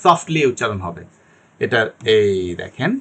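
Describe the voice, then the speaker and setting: A man's voice: lowish voice, very animated, normal speed, bright, forceful tone, slight background noise. A young man teaching an online English pronunciation lesson, explaining each sound and repeating it, and often checking that the class follows.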